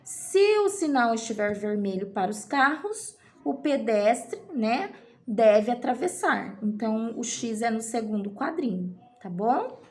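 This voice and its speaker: A woman's voice: a little high, very animated, a little slow, a little mellow. A woman teacher guiding young children through a worksheet, patiently drawing out key words and checking in often. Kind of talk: primary school lesson walkthrough.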